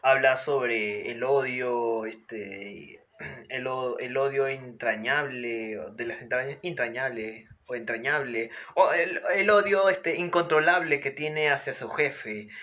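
A man talks through a book in a loose, conversational way. His voice is bright and forceful, and he keeps pausing on filler words and restarting his sentences. He sounds close to the microphone. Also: mid-range voice. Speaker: book reviewer. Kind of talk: casual spoken book analysis.

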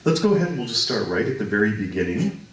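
A middle-aged man hosts with formal, courteous phrasing, his voice low. He sounds distant in a very echoey hall, with faint room noise behind. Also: big pitch swings, quick pace. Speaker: host. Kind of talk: interview hosting. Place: small hall on a stage. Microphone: handheld mic.

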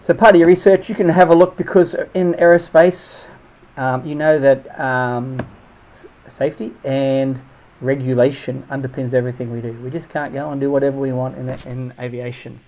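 A man's voice: mid-range voice, fairly even intonation, normal speed, a little mellow, slight background noise, poor audio. A man giving a casual hands-on tutorial as he builds a drone, thinking aloud and drifting into asides.

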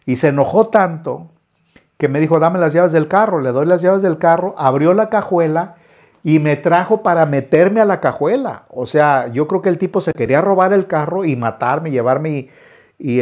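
A man, a musician telling his own life story in a halting way, with many restarts and filler words. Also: fairly high pitch, darkish tone. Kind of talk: personal storytelling.

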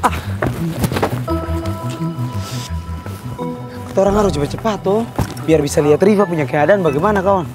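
An actor playing a chatty, cheeky high school student, urging friends on in a TV series scene. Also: racing, lightly acted. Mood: urgent. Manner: excitable, cheeky, urging others on. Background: background music.

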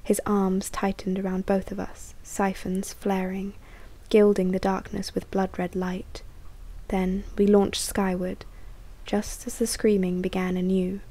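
A woman reading a novel aloud as an audiobook, often dropping into a soft whisper. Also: mid-range voice, completely flat delivery, measured pace. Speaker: audiobook reader. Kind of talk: audiobook narration.

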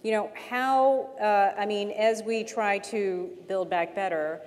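A woman's voice: medium pitch, steady tone, takes it slowly, darkish tone. Hesitant woman moderating a stage panel. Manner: hesitant, searching for words. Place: studio stage, seated in chair. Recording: long stage reverb, faint ambience.

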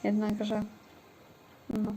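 A woman streams a game, chatting casually with viewers and teammates as she plays. Her mid-range voice is husky, dark and monotone, with drawn-out words.

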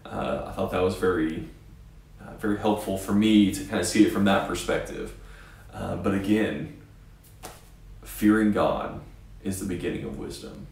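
A man's voice: sits low, normal speed, vocal fry, pauses often, distant mic. Male church presenter, 30s, casual, roomy off-mic sound, faint music. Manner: relaxed, gesturing, fillers. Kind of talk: casual video talk. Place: small indoor room.

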